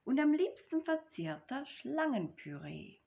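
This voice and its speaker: A small, bold storybook mouse, as a woman reading aloud puts her on, confident and unhurried. The phrasing swings up and down with plenty of life. The recording sounds dull and lo-fi. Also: high voice, sing-song, vocal fry, dark tone, voice pushed up, exaggerated voice.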